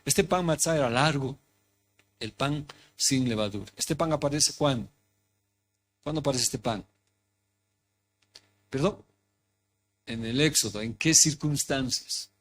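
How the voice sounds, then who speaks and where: A man's voice: mid-range voice, measured pace, pauses often, fairly bright tone. A man preaching a sermon in church who keeps asking his congregation questions and repeating his phrases. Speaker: pastor. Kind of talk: interactive sermon. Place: church hall.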